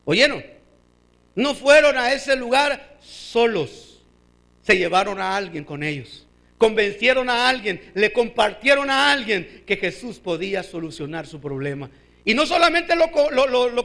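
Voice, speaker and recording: A man delivers a fervent sermon in a church service, his voice pitched very high for a man and edged with a gravelly fry. He keeps calling out amen and pushes up into shouts as he exhorts the congregation. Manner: fervent preaching, repeated calls of amen, rises to shouts. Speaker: preacher.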